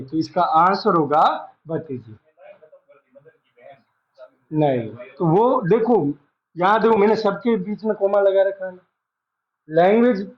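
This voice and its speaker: A man with a fairly high voice gives a classroom reasoning lesson, taking his time and going over each phrase again. The recording sounds dull and lo-fi. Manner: slow, repeats each phrase while explaining. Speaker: reasoning teacher. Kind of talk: classroom lecture.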